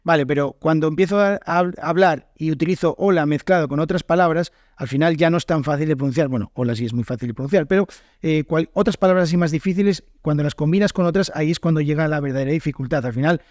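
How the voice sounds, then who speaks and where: A Spanish teacher from the north of Spain talks through his podcast with a northern Spanish accent, his voice sitting a bit higher than most men's. He thinks aloud, pausing on fillers and correcting himself as he goes. The sound is close and dry, with no room around it. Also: darkish tone, dry recording. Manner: unscripted, thoughtful, frequent fillers and self-corrections. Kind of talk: solo podcast monologue.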